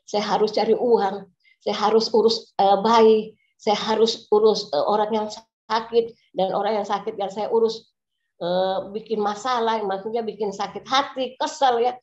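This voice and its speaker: A woman's voice: mid-range voice, steady tone, moderate pace, a little mellow. Earnest woman pastor giving testimony. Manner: earnest, addresses listeners as "Saudara" often, frequent "ya". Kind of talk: testimony sermon. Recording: echoey, slightly dull recording.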